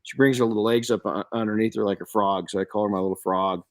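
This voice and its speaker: An older man hosting a podcast, telling stories in an animated way with frequent restarts. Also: fairly low pitch, quick pace. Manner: animated storyteller with many restarts. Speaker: podcast host. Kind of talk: casual podcast chat.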